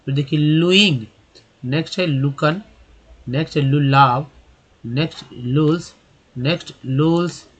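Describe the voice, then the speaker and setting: A man's voice: fairly high pitch, a little slow, pauses often, breathy edge, highs cut off. A man teaching English pronunciation, spelling words out letter by letter and asking and answering his own questions. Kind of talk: explaining pronunciation.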